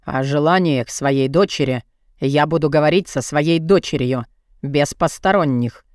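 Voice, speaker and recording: A woman voicing a stern, angry father who speaks in curt, clipped phrases in a low, dry voice. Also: moderate pace, smooth, no echo, lightly acted. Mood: cold.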